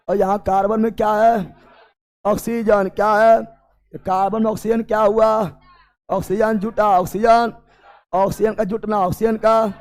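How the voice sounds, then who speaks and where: A male teacher running a chemistry class, firing the same questions again and again and often shouting or half-singing. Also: high voice. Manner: loud drilling questions, often shouting and sing-song. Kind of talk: classroom chemistry lesson with call-and-response.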